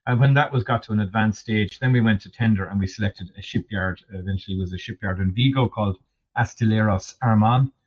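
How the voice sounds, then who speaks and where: Man, west of Ireland Kerry accent, low voice, hesitant explanatory interview answers, dull lo-fi recording. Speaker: interview guest, marine research manager. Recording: dull, narrow lo-fi audio.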